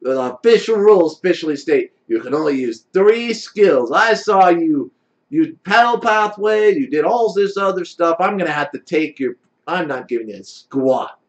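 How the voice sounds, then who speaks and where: A man's voice: on the high side, lively intonation, normal speed, muffled recording, close to an everyday voice. A man voicing an indignant, rule-obsessed male contest judge in a tabletop game, blustering and officious. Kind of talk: tabletop game role-play.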